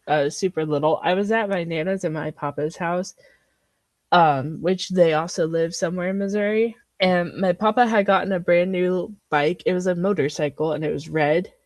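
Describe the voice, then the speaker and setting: A young woman with a fairly low voice co-hosts a casual podcast and tells a childhood story. She laughs often and slips in filler words. The sound is dry and close, with no room echo. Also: darkish tone. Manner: chatty storyteller, laughs often, says "anywho". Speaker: podcast co-host. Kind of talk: casual chat.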